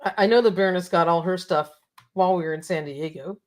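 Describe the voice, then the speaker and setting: Female co-host, somewhat low voice, hoarse and cracking, casual and chatty. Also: fast talker, a little mellow. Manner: chatty, laughs often, reads out viewer comments. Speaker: podcast co-host. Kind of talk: casual chat.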